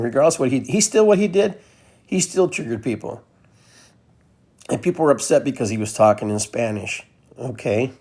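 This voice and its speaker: Hosting his podcast, a man from Peru speaks at medium pitch with a slightly mellow tone. His casual monologue wanders loosely and repeats phrases again and again.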